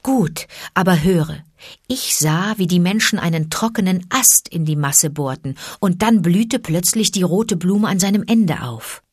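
A woman acting out a watchful male panther who speaks low and confidingly. The storybook voice stays quiet and deep-set, in a dry, close recording. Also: expressive, measured pace, breathy edge, no room sound. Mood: warning.

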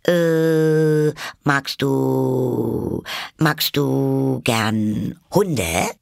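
A man's voice: on the low side, expressive, measured pace, vocal fry, fairly bright tone, slightly rough, dry recording, studio quality, heavily acted. A man voicing an eager, polite little girl in a storybook reading, chattering anxiously and apologizing.

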